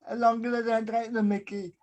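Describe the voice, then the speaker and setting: A male podcast host speaks in a careful, slightly hesitant way. His pitch barely moves, which gives him a level, even tone. The setting is a casual chat over a call. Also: a little fast. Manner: soft-spoken, careful, somewhat hesitant.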